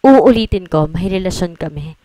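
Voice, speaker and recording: A woman's voice: on the low side, expressive, normal speed, dark tone, no room sound, lightly acted. A woman voicing a smug, defiant man who mocks his captor in a read-aloud story, in a raised, mocking voice.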